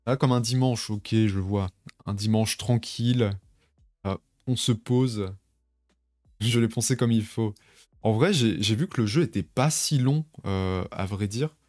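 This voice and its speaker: A man's voice: lowish voice, unhurried, a little mellow, no room sound, faint music behind. A young man casually chatting with his viewers during a home live stream, rambling and reading out chat messages. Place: home bedroom.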